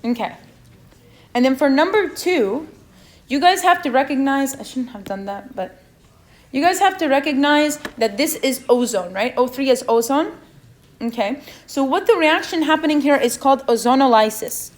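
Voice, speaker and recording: At normal speed and with a high, expressive voice, a young woman with a non-native accent leads a chemistry exam review. She questions the students and checks in with "okay?" as she goes.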